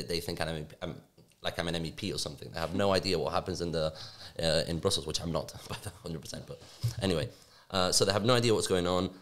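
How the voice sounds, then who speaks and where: A young man from Spain speaks with a deep, low voice at a brisk clip. He talks on a podcast mic in a small office studio, restarting sentences as he goes. His answers sound quick and eager. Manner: fast, animated, with frequent restarts and fillers. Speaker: youth forum board member, guest. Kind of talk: conversational interview answers. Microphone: podcast mic on stand, headphones.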